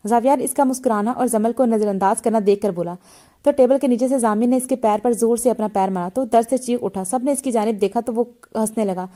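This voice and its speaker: A woman reads a romance novel aloud, doing every character's lines herself. Her voice sits a little high but sounds soft and mellow. She stumbles often and restarts her words as she goes. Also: brisk. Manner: reads all the characters in a lightly shifted voice, with frequent slips and restarts. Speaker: novel reader.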